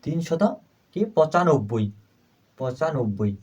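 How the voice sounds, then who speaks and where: A man teaching a primary school math lesson, asking questions and answering them himself, repeating each number slowly as he writes. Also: medium pitch, expressive, darkish tone, husky. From Bangladesh.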